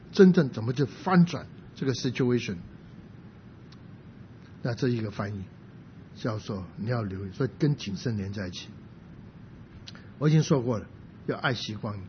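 A man delivers a sermon, making his points through rhetorical questions and occasionally slipping in English words. The recording has a dull, lo-fi quality with a faint rumble.

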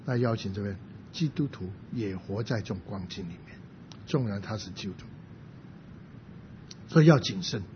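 A man's voice: animated, normal speed, pauses often. A man preaching a sermon, explaining by asking rhetorical questions and now and then dropping in English words. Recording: dull lo-fi sound with faint rumble.

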